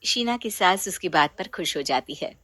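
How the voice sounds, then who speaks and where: A woman's voice: lowish voice, expressive, normal speed, bright, forceful tone, no echo. A woman narrating a family storybook in a plain storytelling manner.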